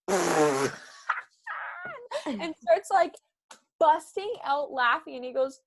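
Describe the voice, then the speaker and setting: Animated young woman telling a story. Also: measured pace. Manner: animated, acts out quotes with big pitch jumps. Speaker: podcast co-host. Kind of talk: casual storytelling chat.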